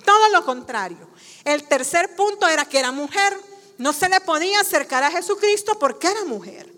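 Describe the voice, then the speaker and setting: A woman delivers a sermon as a guest preacher, her voice sitting high for a woman. She keeps turning to the congregation with rhetorical questions. Her words ring out with a long reverb in the church hall. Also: animated, normal speed, a bit bright.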